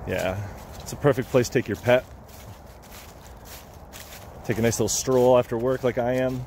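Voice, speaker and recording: Holding his camera or phone, a man hiking beside a wooded lake gives casual, chatty commentary, often repeating and restarting phrases. He speaks at a normal speed in a slightly mellow voice, with faint highway traffic in the background.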